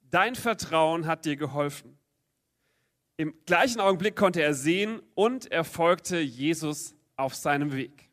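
A man's voice: sits high, a bit bright. A man preaching a sermon, reading a Bible story aloud and acting out the crowd and the voices, drawing the congregation in to play along. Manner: acts out the crowd and voices in the story, asks listeners to join in.

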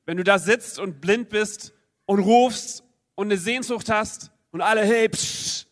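A man's voice: high-pitched, measured pace, a bit bright. A man preaching a sermon, reading a Bible story aloud and acting out the crowd and the voices, drawing the congregation in to play along. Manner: acts out the crowd and voices in the story, asks listeners to join in.

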